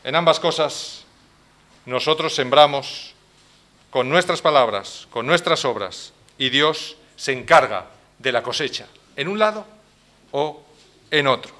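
A man with a Spain Spanish accent preaching a sermon as pastor, dramatic and swinging between hushed lines and loud outbursts. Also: mid-range voice, animated, unhurried, long pauses.

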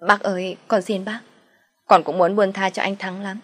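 A woman's voice: medium pitch, little pitch movement, moderate pace, fairly bright tone, husky. A woman voicing a brazen, scheming young mistress who talks insolently and then pleads. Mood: pleading. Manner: brash, insolent, turns pleading.

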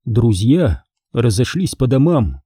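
A man's voice: mid-range voice, slow pace, husky, no echo, clean studio sound. A man narrating a children's horror audiobook, telling it expressively and doing every character's voice himself. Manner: expressive, does all the voices. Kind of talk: scripted horror story narration.

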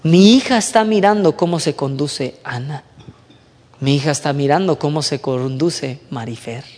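A man preaching to a youth group, lively and conversational, mimicking whiny young voices and dropping low for emphasis. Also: normal speed, long reverb tail. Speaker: youth pastor. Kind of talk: sermon.

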